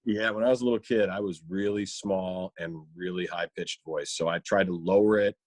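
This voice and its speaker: A man guesting on a comedy podcast, speaking in a fairly low voice. The sound is close and dry. He tells stories reflectively and slips into playful voices now and then. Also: fairly even intonation, moderate pace, a little mellow, no room sound. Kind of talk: casual chat.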